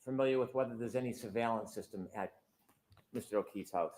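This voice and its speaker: A man's voice: mid-range voice, quick pace, a little mellow. A man, a trial lawyer, questions a witness in a formal courtroom style. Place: indoor courtroom.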